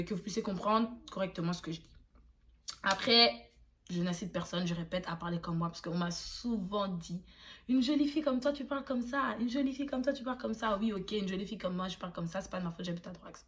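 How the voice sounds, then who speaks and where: A young woman from Belgium, chatting casually in a vlog and addressing viewers with loose slang. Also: on the low side. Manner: loose street slang, lively asides to viewers. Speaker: YouTuber.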